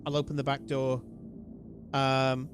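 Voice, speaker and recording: A man with a British accent, casually describing his character's actions in a tabletop game, halting and swearing. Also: medium pitch, completely flat delivery, over music. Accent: British English. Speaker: player.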